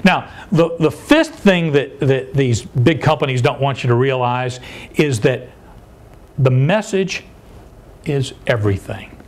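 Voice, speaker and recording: An older man, a sales consultant, giving a seminar talk and putting questions to his audience. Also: mid-range voice. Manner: animated, addresses audience with questions.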